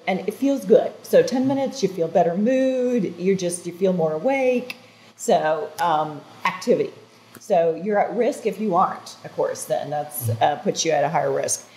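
On a TV studio set, an older woman speaks in a fairly low voice as a wellness guest, giving earnest, explanatory health advice. She restarts sentences, says "so" and "um," and gestures animatedly with her hands. The lapel mic recording of this informative interview talk is rough.

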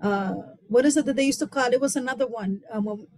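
A woman from Africa, a guest author, speaking in a halting way while she searches for words. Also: on the high side, a little mellow, no room sound, poor audio. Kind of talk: casual chat.

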